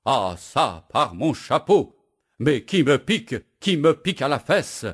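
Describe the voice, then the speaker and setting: A man voicing a big, blustering male woodcutter with a mustache, shouting indignant outbursts in a children's storybook reading. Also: fairly low pitch, slow pace.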